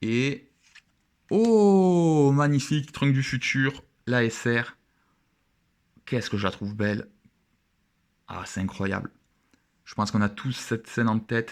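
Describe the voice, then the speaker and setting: A young man chatting casually and with enthusiasm as he opens trading cards and admires each one. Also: lowish voice. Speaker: card opening vlogger. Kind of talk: casual card-opening commentary.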